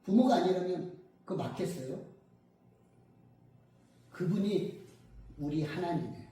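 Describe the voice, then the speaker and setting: A man preaching in a church with a lively, colloquial storytelling manner, slipping into the voices of the people he quotes. His voice sits high and swoops a lot. The recording is very echoey and picked up from a distance. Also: unhurried. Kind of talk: storytelling sermon. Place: church sanctuary. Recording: very echoey hall, mic at a distance.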